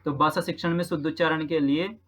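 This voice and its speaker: A man's voice: on the high side, fairly even intonation, quick pace, fairly bright tone. A man from Rajasthan who teaches, patiently talking through practice exam questions and repeating each answer with frequent check-ins. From Rajasthan, India.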